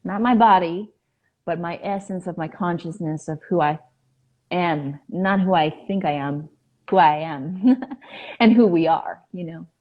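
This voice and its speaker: A woman guest on a podcast, telling a personal story in an earnest, halting way with many fillers. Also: fairly low pitch, a little mellow, dull audio.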